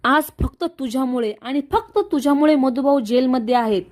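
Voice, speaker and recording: A woman's voice: high-pitched, a little fast, a little mellow, natural voice. A woman voicing a young husband who firmly confronts a woman he says is lying. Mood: stern.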